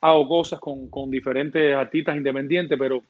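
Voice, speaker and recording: A music producer gives a casual interview, his mid-range voice holding a steady tone at a moderate pace. He rambles, fills his speech with fillers, and keeps restarting his words, all captured in dull lo-fi sound.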